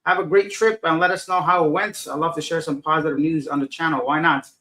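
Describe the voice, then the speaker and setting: A tired, unfocused middle-aged host from Afghanistan reads viewer comments during a casual livestream, rambling, losing track, and teasing himself. He talks fast at a slightly raised pitch with fairly even intonation, his voice pushed and bright. The audio quality is poor.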